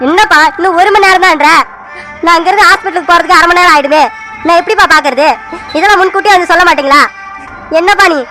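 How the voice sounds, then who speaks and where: A woman's voice: very high voice, fast, pushed and bright, faint music behind, poor audio. An insistent village man. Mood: agitated. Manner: insistent, agitated. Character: stubborn middle-aged village man, denying the news.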